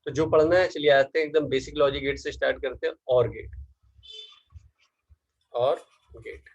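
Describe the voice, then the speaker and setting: A man teaching a class, asking questions and then answering them himself, slow and drawn out when dictating definitions, mixing Hindi with English terms. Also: on the high side, steady tone, lo-fi sound. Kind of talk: classroom lecture.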